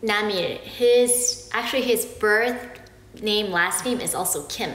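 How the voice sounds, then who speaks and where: Slow, bright-voiced woman explaining patiently. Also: medium pitch, reverberant, poor audio. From Korea. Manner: slow, patient, checks in with frequent "okay?". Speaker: family vlogger explaining Korean naming. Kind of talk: casual explanatory talk to camera.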